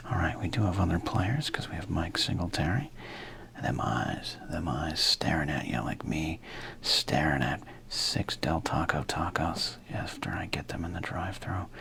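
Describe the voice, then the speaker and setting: This card collector's low, gravelly voice has a fairly bright tone. He chats casually as he opens trading card packs, tossing out dry jokes and murmured half-whispers along the way.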